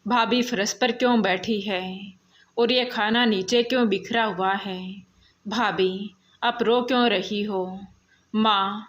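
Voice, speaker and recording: A woman storyteller voices a kind, protective young man who asks worried, concerned questions. Her delivery stays slow and even, like a storybook reading, in a mid-range voice close to an everyday one, with the highs cut off.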